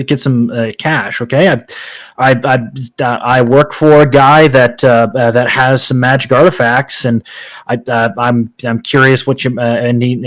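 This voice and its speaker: A man voicing a disguised young guy who talks nervously and haltingly with many fillers. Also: medium pitch, natural voice, poor audio.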